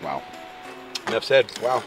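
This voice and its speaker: With a fairly low, sing-song voice and a slightly slow delivery, a man chats casually to his viewers. He's an outdoor camping and fishing vlogger whose folksy, playful, exuberant style brims with quirky slang. Music plays behind him.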